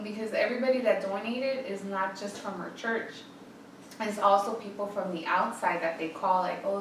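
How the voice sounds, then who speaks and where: A woman's voice: medium pitch, fairly bright tone. A woman around thirty leading a girls' youth group, talking casually with many fillers and frequent laughs. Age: 30s. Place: room of a church, echoey. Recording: echoey room, mic far off, noisy background.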